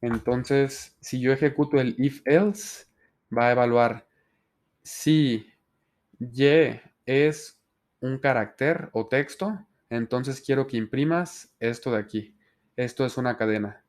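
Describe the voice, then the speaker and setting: A man's voice: mid-range voice, slow pace, darkish tone. A man explaining programming step by step in a tutorial, with fillers. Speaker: programming instructor. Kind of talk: screen-recorded coding tutorial.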